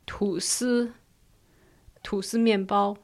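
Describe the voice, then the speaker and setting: A woman's voice: medium pitch, steady tone, drawn-out words. A woman co-hosting a casual language lesson, carefully modeling pronunciation. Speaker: co-host and Chinese teacher.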